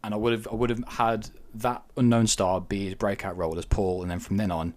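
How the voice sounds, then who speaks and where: A man's voice: lowish voice, flat delivery, brisk. A man co-hosting a podcast in casual chat, giving frank opinions and thinking aloud with frequent ums. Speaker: podcast co-host.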